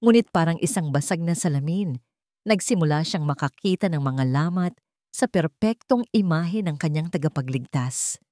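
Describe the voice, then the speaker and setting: A woman with a Filipino accent narrates a scripted dramatic story for an audiobook. Her voice is low and dark, delivered with animation at a normal speed. The recording is dry and clean, with studio quality.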